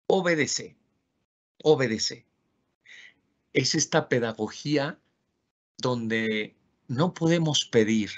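A man from Mexico speaks over a video call in a faith-based teaching talk, earnest and lively as he acts out the voices he quotes. His voice sits at an ordinary middle pitch. The webinar audio is dull and lo-fi.

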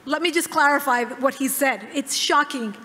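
A woman in her thirties giving a formal keynote speech at a podium, measured and emphatic with dramatic pauses. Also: high voice, bright, forceful tone. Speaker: keynote speaker. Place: large dark hall, at a podium. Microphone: podium microphone. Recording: hall reverb.

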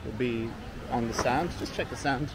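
A man's voice: mid-range voice, normal speed. A man with an Irish accent, casually pointing things out on an outdoor walking tour of a seaside market. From Ireland. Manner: relaxed, chatty, pointing things out. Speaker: travel vlogger. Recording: loud outdoor street noise.

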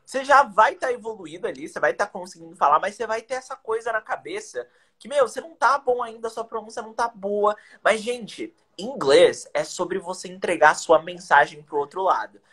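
A young Brazilian man who teaches English chats energetically over a video call, tossing in slang and rhetorical questions. His voice sits high and moves fairly quickly, with a fairly bright, breathy tone. It's a casual live-stream chat with teaching tips, picked up by a webcam in a small indoor room.

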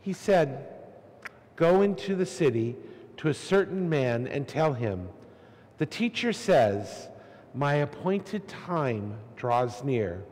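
A man's voice: fairly high pitch, sing-song, slow pace, a little mellow. A man solemnly reading the Gospel as a clergyman at Mass, his voice carrying a cathedral echo in a large church. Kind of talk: solemn liturgical scripture reading. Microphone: lectern microphone.

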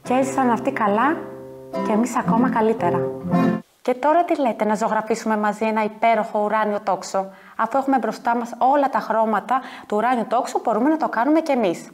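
A kindergarten teacher, a woman, telling a story to young children in an expressive, animated way. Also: fairly high pitch, soft background music.

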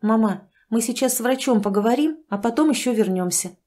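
A woman's voice: on the high side, lively intonation, fairly quick. A woman doing an anxious pregnant young daughter. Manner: soft, anxious, then firm.

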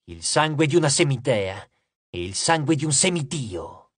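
Man doing Gea, a low hissing earth goddess. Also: very animated, husky, dry recording. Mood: mocking. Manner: slow and taunting. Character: sleepy, mocking earth goddess, ancient and menacing. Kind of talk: audiobook character voice.

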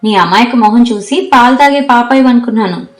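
A woman's voice: on the high side, moderate pace, echoey room, soft background music, voice pushed up, natural voice. A woman voicing a talkative, bold young woman college student who teases her new roommate. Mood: teasing. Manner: teasing, chatty.

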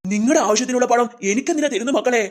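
Performer doing a weary old Santa-costume grandpa, soft and gentle, brisk delivery. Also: mid-range voice, natural voice. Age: older.

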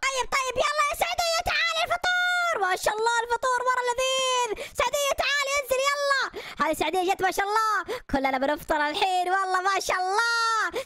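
A woman narrates a game role-play in a lively, bossy manner. Her voice is very high and bright, the pace brisk. The sound is dry and close. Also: dry recording.

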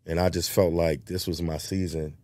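Low-voiced man telling studio stories. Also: moderate pace, no room sound. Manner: animated storyteller, scats bass lines, says "bro" and "man" often. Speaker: guest bass player. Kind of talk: casual conversation, storytelling.

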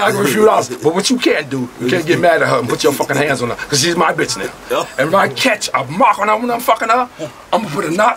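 A man from New York ranting boastfully and loudly on a live stream, taunting as he talks. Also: high-pitched, vocal fry. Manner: boastful, loud, profane, taunting. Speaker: livestreamer. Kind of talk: brash live-stream rant. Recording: loud crowd around him.

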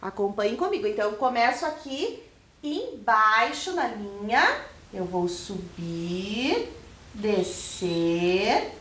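Very animated but slow-paced, a woman with a mid-range, fairly bright voice and a Brazilian Portuguese accent teaches young children as a primary school teacher. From a televised-lesson classroom studio, she spells out letters and syllables and keeps asking questions.

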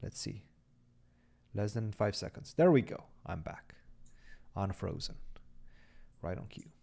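A man's voice: on the low side, big pitch swings, unhurried, creaky, warm tone, husky. A young man giving chatty live chess commentary, thinking aloud about the moves and chatting with viewers.

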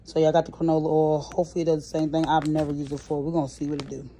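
A woman's voice: low voice, rapid-fire, a little hiss or hum. A young woman chatting casually while she shows off her groceries, filmed on a phone at home. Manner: relaxed, chatty listing of items with fillers. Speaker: vlogger showing a grocery haul. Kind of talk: casual chat. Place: indoors at home, off camera. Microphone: phone camera held while filming items.

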